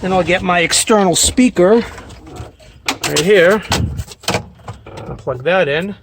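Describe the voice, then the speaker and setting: A trucker and vlog host with a high, slow voice and vocal fry gives a casual, plain-spoken step-by-step demonstration from inside his truck cab. The recording is noisy, with clicks.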